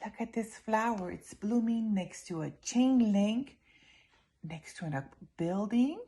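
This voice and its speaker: A woman reads a children's story aloud, speaking slowly in a medium-pitched voice. Her delivery is expressive and emphatic, and she addresses her young listeners directly.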